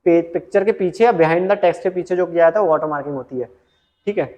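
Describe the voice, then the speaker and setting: High-voiced man teaching computer basics. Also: warm tone. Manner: reads English questions slowly, explains in casual Hindi; often adds "ठीक है" as a check-in. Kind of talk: exam-prep lesson with screen demo.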